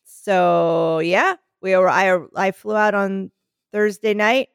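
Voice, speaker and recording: Taking it slowly, a woman with a mid-range, creaky yet smooth voice co-hosts a podcast in a relaxed chat. A sore throat makes her sound smoky and scratchy as she tells rambling stories full of restarts. The recording is dry and of studio quality.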